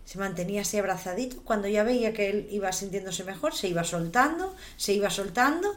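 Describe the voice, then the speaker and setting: A woman and mother talking calmly in conversation, reflective, repeating words for emphasis. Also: medium pitch, a little fast. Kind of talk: conversational talk.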